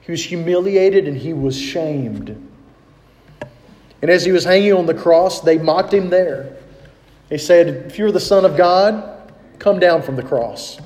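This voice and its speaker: A man delivers a conversational sermon, reading scripture aloud and pausing to put questions to his listeners. His voice sits high yet mellow and soft-edged. The sound carries a long reverb, as in a large hall. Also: expressive. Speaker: pastor.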